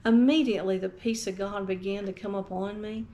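A middle-aged woman delivers a church sermon in an earnest, steady voice. She reads scripture aloud and then moves into a personal testimony, keeping the same sincere manner throughout. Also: medium pitch, fairly quick. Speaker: pastor.

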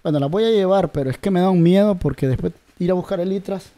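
A man's voice: high voice, fast talker, mellow, slight background noise. A man giving casual gameplay commentary, talking straight to his viewers and searching aloud for words. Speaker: gameplay video creator.

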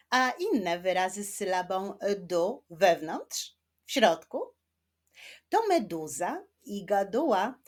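A woman teaching children to read, speaking slowly and carefully and drawing words out syllable by syllable, gently encouraging her young viewers. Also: mid-range voice. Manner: slow, carefully spaced speech, stretching words syllable by syllable. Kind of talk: children's reading lesson.

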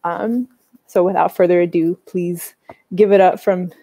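A woman's voice: lowish voice, steady tone, a little slow, warm tone. A woman hosting a live online poetry reading, introducing the next poet with playful, jokey cues to the audience. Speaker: host of the reading. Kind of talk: casual introduction.

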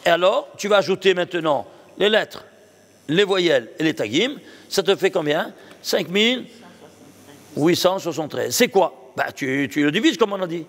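High-voiced rabbi quizzing his class. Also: expressive, normal speed, fairly bright tone. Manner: asks questions and answers them himself; checks understanding with the audience. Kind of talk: Torah lesson on numerology. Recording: long reverb of a hall.

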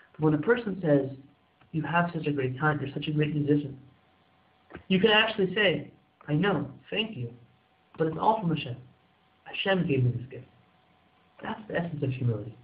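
Guy rabbi doing an earnest motivational torah talk, kinda high voice, lots of echo, sounds like over a phone. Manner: earnest, exhortative, with rhetorical questions and repetition. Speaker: rabbi, religious teacher. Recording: echoey room, phone-like muffled audio.

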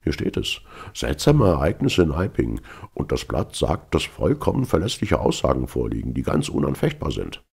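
A man's voice: extremely low pitch, wildly swooping pitch, normal speed, gravelly, darkish tone, breathy edge, exaggerated voice. A man voicing an older, talkative sailor who tells news with firm assurance, in a storybook reading. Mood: gossipy. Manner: assertive, storytelling. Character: older chatty sailor man, gossipy and probing.

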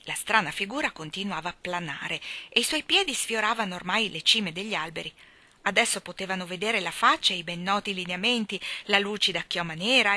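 A woman reads a children's story aloud with lively, rising and falling intonation. Her voice is bright and clear, recorded close and dry, and sinks to a near whisper at times. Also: medium pitch, no echo. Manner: expressive, hushed in quiet passages. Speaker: narrator. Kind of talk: audiobook reading.

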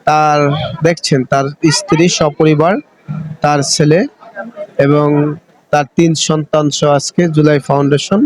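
Bangladeshi guy doing news on location, bit high voice, kinda halting. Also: flat delivery, low-quality recording. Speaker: field reporter.

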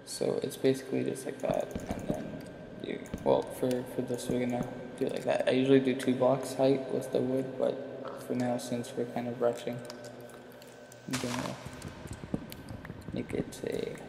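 With a medium pitch and completely flat delivery at a moderate pace, the young man talks through a game informally, rambling and putting himself down. He has vocal fry and a slight speech impediment from wearing a retainer. The recording echoes, with music and noise in the background.

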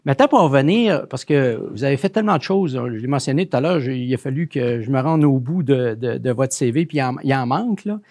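Host: man, plain mid voice, lively reactions, conversational questioning. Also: mid-range voice, fast talker, hardly any pauses. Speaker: interview host. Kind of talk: conversational interview.

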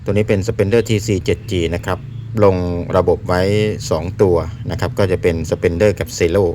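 Male product demonstrator, lowish voice, casual delivery, faint background noise. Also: fairly even intonation, measured pace, dark tone. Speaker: radio seller demonstrating a product.

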